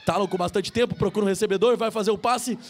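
A man's voice: sits high, fairly even intonation, fast talker. A Brazilian man giving live play-by-play commentary on American football.

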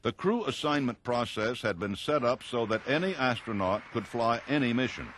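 A man giving scripted documentary narration in an even, informative way. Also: medium pitch, normal speed, slight background noise. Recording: narration over clear music.

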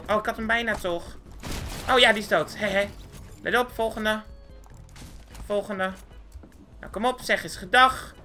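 A performer voicing a squeaky, hyper, cartoonish young male gamer, chattering boastfully through gameplay commentary. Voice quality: squeaky, swooping, with sudden high squeals. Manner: excitable, boastful, chatters nonstop at the screen. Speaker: game commentator.

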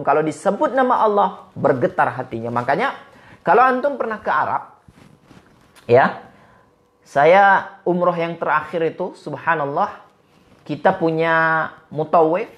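A man from Medan giving an Islamic sermon, quoting Arabic verses and telling stories with lively, rising and falling emphasis. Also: fairly high pitch. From Medan, Indonesia. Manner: animated preaching, quotes Arabic verses and retells stories. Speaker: Islamic preacher.

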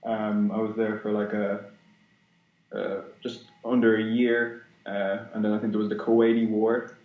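A man's voice: lowish voice, flat delivery, moderate pace. A young man, a guest in a casual interview, talking hesitantly with many fillers and restarts. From Ireland. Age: young adult. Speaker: guest concept artist. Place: small room at home, indoors. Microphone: video call webcam. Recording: dull roomy webcam audio with faint noise.

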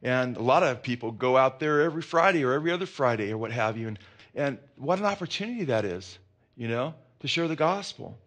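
A man's voice: mid-range voice, fairly quick. A middle-aged man preaching a conversational sermon, telling personal stories with lots of restarts and asides. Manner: animated storytelling, many restarts and asides. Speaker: pastor.

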